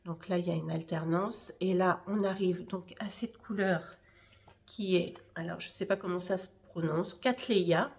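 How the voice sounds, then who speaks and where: A woman's voice: lowish voice, steady tone, moderate pace, vocal fry. A woman hosting a knitting podcast, chatting casually and hesitantly with many fillers while showing her work. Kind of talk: casual show-and-tell chat.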